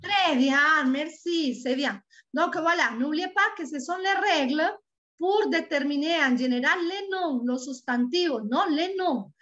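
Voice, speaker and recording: A woman with a Colombian Spanish accent teaches French over a video call, her voice bright and high. She patiently spells out each word twice, and the call audio comes through dull and lo-fi. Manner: patient, repeats words slowly and clearly. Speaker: French tutor. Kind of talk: online language lesson.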